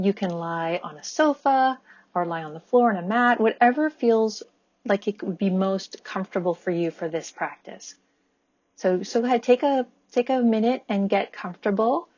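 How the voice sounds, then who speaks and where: A woman leading a guided body scan meditation, speaking in a gentle, unhurried, inviting way. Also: mid-range voice, highs cut off. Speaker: meditation teacher.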